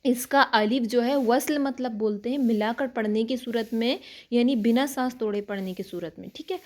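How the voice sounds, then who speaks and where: A woman's voice: on the high side, darkish tone. Patient woman teaching Quran recitation. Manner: patient, explains step by step with frequent check-ins; chants Arabic words slowly and drawn out. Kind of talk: online tajweed lesson.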